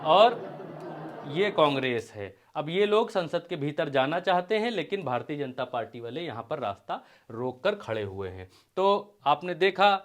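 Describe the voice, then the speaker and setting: A man's voice: a little high, very animated, moderate pace. A man giving sarcastic, repetitive political news commentary while pointing things out on video footage.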